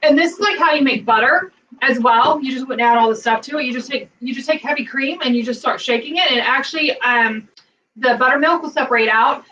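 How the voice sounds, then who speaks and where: A woman's voice: high voice, a little fast, sharp tone, distant mic, dull audio, slight background noise. A woman chatting casually as she walks through a recipe in her home kitchen, rambling with lots of fillers. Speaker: cooking vlogger. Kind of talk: casual cooking demo.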